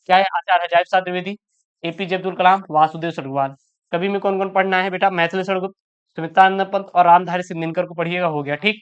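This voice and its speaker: Brisk woman teacher walking through an exam paper. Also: lowish voice, steady tone, clear, resonant tone, muffled recording. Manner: addresses students as "beta", quick and explanatory; repeats questions aloud, then answers them. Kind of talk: online exam-prep lesson.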